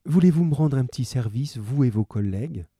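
A man's voice: medium pitch, animated, fairly quick, warm tone, husky, dry recording, clean studio sound. A man voicing a scheming young widow who sweetly pleads with the police, reading a crime story aloud. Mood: pleading.

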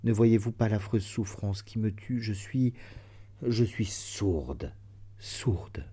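A man reading the part of a young deaf woman, bitter and despairing, in a soft, sorrowful, measured voice for an audiobook of classic fiction. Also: lowish voice, little pitch movement, husky.

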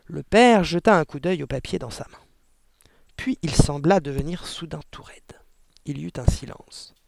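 Expressive male storybook reader. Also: a little high, normal speed, creaky, dry recording. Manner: expressive, dropping to a whisper for suspense. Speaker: audiobook reader. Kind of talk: storybook narration.

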